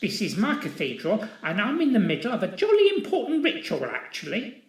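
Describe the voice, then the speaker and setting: A squeaky, flustered little cult leader, pompous and whiny, stammering as he protests, put on by a man. The pitch sits well above a normal speaking voice. The recording has a roomy echo. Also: wildly swooping pitch, a little fast, exaggerated voice. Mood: indignant.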